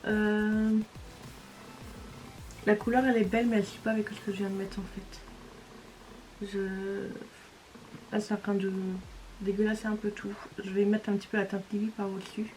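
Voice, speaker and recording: A woman talks through her eye makeup in a relaxed, chatty way, naming each step as she goes. Her voice is mid-pitched. The recording has clearly audible background noise. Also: moderate pace, pauses often, rough recording. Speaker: beauty vlogger. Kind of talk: makeup tutorial voice-over.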